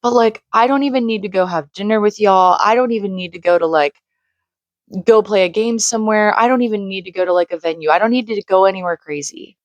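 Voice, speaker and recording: A woman's voice: mid-range voice, quick pace, no echo. A woman in her late twenties, slightly crackly from screaming, talking earnestly in a rambling casual monologue full of "like". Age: late 20s. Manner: rambling, heavy use of "like", earnest. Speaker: vlogger. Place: home room by a shared wall.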